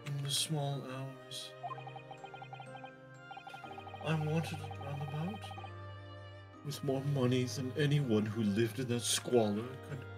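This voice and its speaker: A man voicing a bitter male criminal who grew up poor, speaking slowly and broodingly through a cave echo voice filter in a fan dub. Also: medium pitch, steady tone, music in the background. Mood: haunted. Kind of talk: fan voice dub, online group recording.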